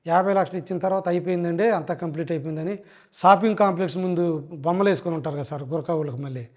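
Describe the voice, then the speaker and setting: Quick, high-voiced man. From Andhra Pradesh. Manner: hurried, repetitive telling, addressing the interviewer as sir. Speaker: fraud victim. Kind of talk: casual recounting interview.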